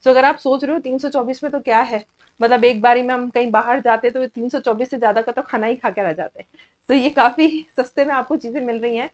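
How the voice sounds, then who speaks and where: A woman's voice: fairly high pitch, fairly even intonation, brisk, a little mellow, dull audio. A woman with an Indian accent teaching English vocabulary in a chatty online coaching class, repeating key words as she explains.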